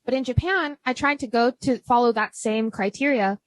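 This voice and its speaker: This young American podcast host chats casually over drinks, her big voice full of "like" and frequent laughter. Her pitch is fairly high and her pace normal, though the recording is rough.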